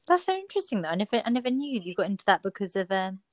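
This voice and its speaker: A woman's voice: medium pitch, very animated, rapid-fire, no echo. A young woman with a regional English accent, an actor chatting casually and expressively, with lots of filler words. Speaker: actor, podcast guest or co-host. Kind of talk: casual chat.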